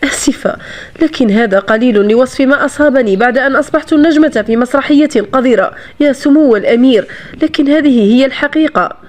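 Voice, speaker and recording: A woman's voice: high voice, fast, darkish tone, close to an everyday voice. A woman reading the part of a proud, bitter young woman in a novel, speaking in a haughty, defiant way.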